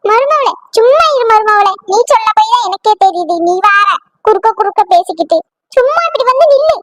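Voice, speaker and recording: Excitable mother-in-law, very squeaky high pitch, scolding temper, cartoon comedy, dry sound. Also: brisk, dry recording. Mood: angry scolding. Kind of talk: exaggerated cartoon comedy voice acting.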